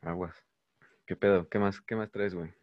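A man's voice: deep voice, fairly even intonation, normal speed, no echo, lo-fi sound. A man with a Mexican Spanish accent, co-hosting a podcast in laid-back, slangy casual chat. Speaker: podcast co-host.

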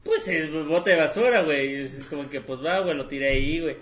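A man's voice: fairly high pitch, brisk, a bit bright, slight background noise. A young man with a Mexican accent, chatting in a slangy, laid-back way on a podcast. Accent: Mexican Spanish. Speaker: podcast co-host. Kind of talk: casual chat.

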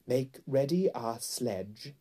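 A cruel storybook witch queen, as a man acts her out. She is imperious and threatening, stretching her words out very slowly. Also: medium pitch, animated, warm tone. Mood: commanding. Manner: slow, drawn-out, threatening. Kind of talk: storybook character voice.

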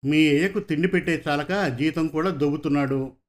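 A domineering rich landlord barks orders and scolds his poor farmhand, as a male storyteller puts him on. The voice sits a little high and stays bossy and contemptuous throughout. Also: a little fast, close to an everyday voice.

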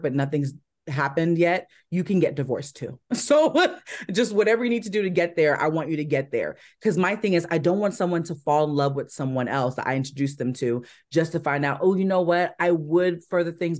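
A woman's voice: deep voice, a little mellow. An American woman answers interview questions as a coach would, in a conversational and confident way. She speaks emphatically and checks in with rhetorical questions as she lays out her advice. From Seattle, Washington, United States. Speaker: matchmaker and dating coach, interview guest.

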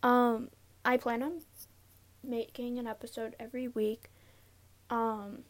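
Young woman, higher-pitched, nervous and giggly, halting casual solo podcast delivery from inside a closet. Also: little pitch movement. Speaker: podcast host. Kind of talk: casual confessional solo talk. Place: inside a closet, sitting on a pillow.

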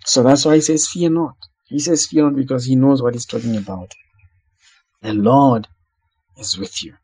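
Earnest male preacher with a husky dark voice. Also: medium pitch, fairly even intonation, moderate pace, poor audio. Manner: earnest, repeats phrases for emphasis. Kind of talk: sermon.

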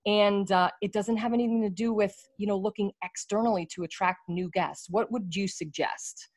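A woman's voice: mid-range voice, steady tone, normal speed, a little mellow. A woman hosting a podcast interview, conversational and encouraging, with frequent affirmations. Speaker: podcast host, salon business coach.

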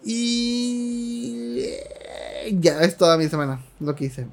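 High-voiced Mexican man, crude quips. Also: animated, vocal fry, soft background music. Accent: Mexican Spanish. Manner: quick, crude wisecracks. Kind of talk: casual chat.

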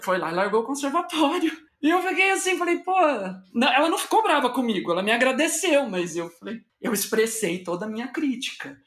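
A man in casual chat, telling an expressive story and laughing easily. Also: extremely high pitch, fast, few pauses. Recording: roomy echo.

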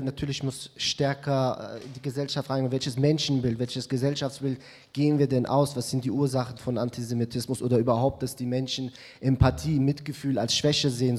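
A man's voice: mid-range voice, little pitch movement, brisk, darkish tone. Man, from Iran, audience member, hesitant, lots of fillers, long hall reverb. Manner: hesitant, many fillers, earnest. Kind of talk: public discussion contribution.

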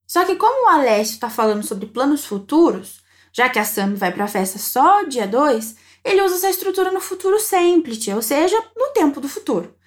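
A woman teaching Italian phrases, encouraging the listener and saying model sentences slowly to be repeated. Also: high voice, sing-song. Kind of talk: language lesson narration.

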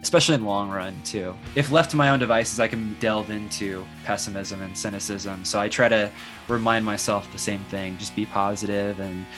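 A man's voice: lowish voice, fairly even intonation, fairly quick, fairly bright tone, faint music behind. Laid-back, enthusiastic male podcast host. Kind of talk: casual interview chat.

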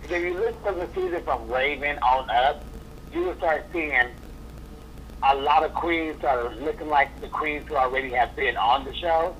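A man who is a drag performer appears as a guest in a casual interview, voicing sassy, blunt opinions. His voice sits on the high side with a sing-song, fairly bright quality at a moderate pace, captured on a dull lo-fi recording with a little hiss or hum.

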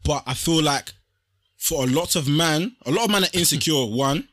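A man's voice: a little high, lively intonation, moderate pace, a bit bright. A man with a London roadman accent, speaking urban slang in an insistent, repetitive way during a casual debate. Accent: London roadman, multicultural urban slang.

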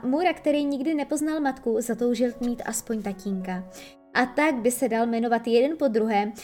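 A woman reading a children's story aloud in a lively, expressive way. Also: on the high side.

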